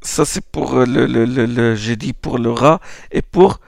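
A man teaching pronunciation in a slow, patient spoken lesson, repeating each sound for listeners to copy. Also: mid-range voice, creaky, no echo, studio quality. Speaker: Quran recitation teacher.

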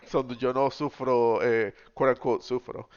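Male co-host, mid pitch, smooth, thoughtful, lo-fi. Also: little pitch movement, slow, a little mellow. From Puerto Rico. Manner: thoughtful, mixes in English words. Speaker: podcast co-host. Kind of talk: casual chat. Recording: dull lo-fi recording.

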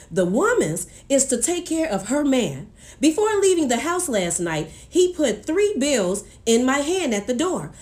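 A woman narrating a first-person audiobook in an expressive, confiding way. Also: high voice.

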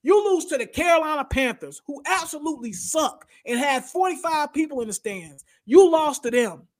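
A man's voice: very high voice, expressive, normal speed. A man hosting a casual sports talk show, blunt and opinionated, who often says "bro" and "y'all". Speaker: podcast host.

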